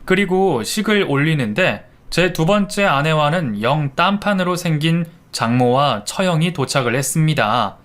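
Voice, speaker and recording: A male narrator telling a first-person radio drama story. His delivery is calm and measured, and his voice sits somewhat higher than usual for a man.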